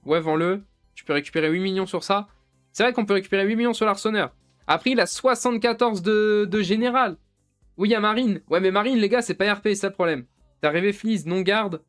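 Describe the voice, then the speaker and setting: A young man streaming a football manager game, talking excitably in slang and constantly addressing his chat. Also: high-pitched, brisk, faint music behind. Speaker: gaming streamer. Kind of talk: live gameplay commentary.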